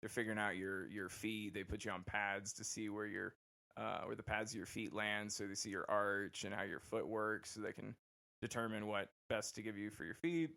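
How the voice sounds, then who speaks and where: A young man casually telling a personal story on a podcast, animated and quick to act out the people he quotes. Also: creaky. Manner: animated, acts out quoted voices with big pitch jumps. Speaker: podcast host.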